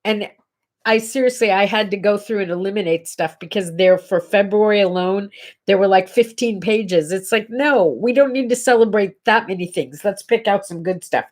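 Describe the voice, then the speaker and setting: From her home bedroom, a middle-aged woman hosts an informal morning livestream, talking directly to viewers. Her medium-pitched, congested and nasal voice has a darkish tone and moves at normal speed.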